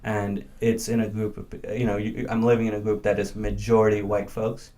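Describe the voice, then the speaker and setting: A man's voice: fairly low pitch, completely flat delivery, brisk, mellow. A man in his early thirties who grew up in India, speaking as a guest in a casual conversation and thinking aloud with many fillers and restarts. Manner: thoughtful, with frequent fillers and restarts. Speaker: interview guest.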